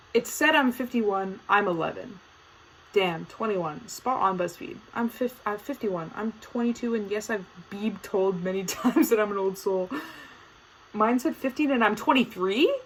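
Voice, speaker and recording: Hosting her own podcast, a teenage girl chats casually and with playful drama in a medium-pitched voice, using lots of fillers. Poor audio leaves a little hiss or hum.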